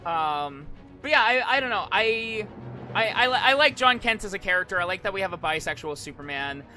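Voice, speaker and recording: A male virtual YouTuber streams casual live commentary over soft background music, rambling and hesitant, often repeating and restarting his phrases. His voice sits high and sounds animated, brisk, pushed, and bright.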